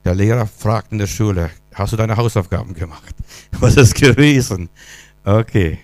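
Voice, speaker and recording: A man preaching a charismatic sermon with fervour, rising to loud calls and dropping to quiet questions. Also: on the low side, moderate pace, no echo. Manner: fervent, swinging between loud exclamations and quiet questions. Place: church hall.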